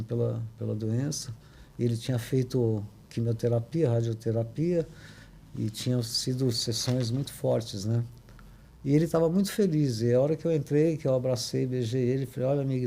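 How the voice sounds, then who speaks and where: Older Brazilian man, guest storyteller; low gravelly tone, halting delivery with frequent tag questions. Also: warm tone. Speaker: podcast guest. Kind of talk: emotional personal storytelling.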